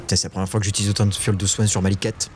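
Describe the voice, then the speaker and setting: A man's voice: on the low side, flat delivery, very fast, background noise. A man giving casual live commentary while playing a game, chatting with viewers and swearing when frustrated. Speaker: streamer. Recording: game music playing behind.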